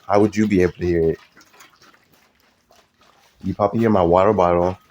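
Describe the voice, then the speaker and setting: A man's voice: sits low, steady tone, brisk, darkish tone. A young man live streaming, talking casually to his viewers in a rambling, hesitant way with many fillers and restarts.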